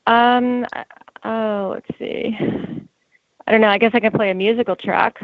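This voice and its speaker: A woman's voice: a little high, fairly even intonation, normal speed. A woman presenting casually in conversation, hesitant as she goes, heard over a tinny call. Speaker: guest presenting audio programs. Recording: tinny phone-like call, dry.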